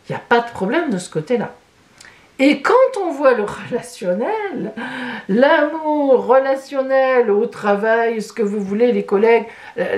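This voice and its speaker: A woman giving a monthly tarot reading, emphatic and chatty, often adding "hein" as she explains each card. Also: medium pitch. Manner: animated, emphatic, with many "hein" asides. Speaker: tarot reader.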